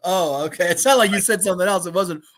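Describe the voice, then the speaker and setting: A man hosting a live sports talk show, calling plays and teasing his co-host, bursting into shouts and laughter. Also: sits high, fast. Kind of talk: live game-watch commentary chat.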